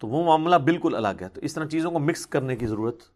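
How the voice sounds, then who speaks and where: A man's voice: a little high, lively intonation, darkish tone. A man giving a religious question-and-answer talk, reasoning patiently and pressing hard on his key points.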